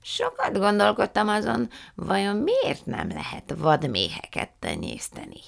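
A woman voicing an absent-minded elderly great-aunt who muses slowly. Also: a little high, big pitch swings, gravelly, pushed and bright, voice pushed up, heavily acted. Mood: musing. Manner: slow, musing, off-topic remarks.

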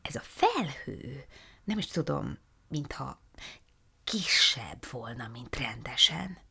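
A woman voicing an excitable, dramatic witch in a storybook reading, chanting spells with theatrical flair. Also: rumbling low, vocal fry, breathy edge, exaggerated voice. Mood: wondering.

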